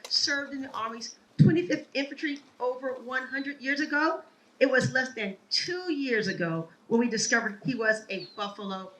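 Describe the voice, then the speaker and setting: At an outdoor ceremony, a woman with a bright, slightly high voice delivers a prepared speech about her family's story, earnest and measured. She's a little far from the mic, with faint ambience and a touch of hiss or hum.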